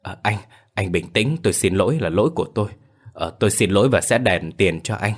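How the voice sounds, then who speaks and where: A man's voice: lowish voice, fairly quick, close to an everyday voice. A man voicing a frightened single mother who stammers and trembles as she apologizes. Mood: stammering fear. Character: frightened poor mother, single woman, gentle.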